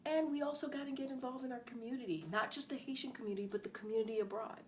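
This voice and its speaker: The voice is a woman's, fairly high-pitched with fairly even intonation, racing along over slight background noise. She's a middle-aged former press secretary being interviewed conversationally, earnest and emphatic, often repeating key phrases.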